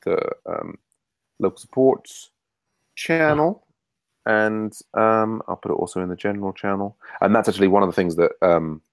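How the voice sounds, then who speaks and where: A man's voice: lowish voice, normal speed, dry recording, rough recording. A man hosting a casual online meeting, talking with many fillers and restarts over a video call. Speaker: meeting host.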